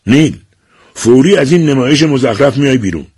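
A man reading an audiobook and voicing a stern, furious middle-aged father who shouts orders at his son. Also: mid-range voice, expressive, husky, dry recording, clean studio sound, pitched above the performer's own voice. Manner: shouting, domineering.

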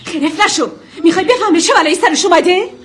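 High-voiced bossy village scold. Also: female voice, lively intonation, a little hiss or hum.

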